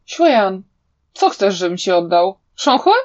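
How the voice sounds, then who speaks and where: A woman voicing a sharp-tongued young male hero who cuttingly provokes and interrogates his enemy, in a slightly dull recording. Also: mid-range voice, sing-song, slow pace. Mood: taunting.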